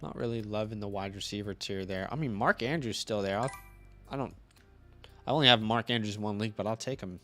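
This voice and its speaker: A man's voice: lowish voice, brisk, faint music behind. Rambling young man on a live draft stream. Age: 20s. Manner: rambling, thinks aloud, counts out loud. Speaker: co-host. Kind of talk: casual livestream chat.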